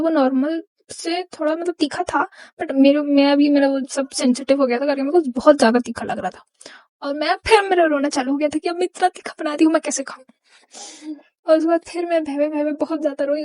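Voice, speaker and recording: A woman's voice: high-pitched, warm tone, no echo. A young woman vlogger telling a personal story in an emotional, rambling, confessional way. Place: home.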